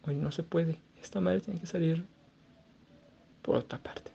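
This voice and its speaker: A man voicing his own whining stomach in a hushed, breathy whisper. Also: on the high side, fairly even intonation, measured pace, highs cut off, a little hiss or hum. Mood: pleading. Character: whining talking stomach, male, desperate.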